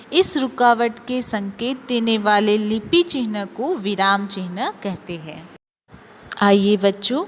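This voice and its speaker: A woman teacher talks through a grammar lesson at an unhurried pace, spelling out each point with care. Her voice trails off into a long reverb, and faint ambient noise sits under it. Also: on the high side. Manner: slow, careful explaining, reads example sentences aloud.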